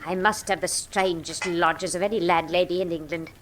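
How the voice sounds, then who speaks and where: A woman's voice: on the low side, fairly even intonation, brisk, slight background noise, lightly acted. An actress playing Mrs Hudson, a fussy, scolding but motherly landlady in a radio drama. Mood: fussing, scolding.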